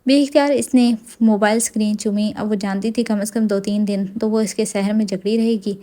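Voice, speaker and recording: A woman narrating a romance novel aloud in a soft, steady storytelling manner. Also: mid-range voice.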